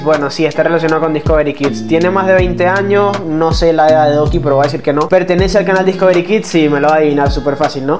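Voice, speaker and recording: Young man, from Venezuela, high voice, rapid talk, casual game commentary, background music. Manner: reads game questions aloud and answers them quickly. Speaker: gaming YouTuber. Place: small room indoors.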